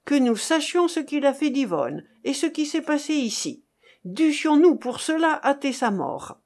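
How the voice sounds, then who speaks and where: A distraught young farmer, voiced by a woman reading aloud bursts out in high, agitated exclamations in a storybook. His pitch leaps about in a lively way while the pace stays unhurried. He sounds frantic. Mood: desperate. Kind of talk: audiobook dialogue reading.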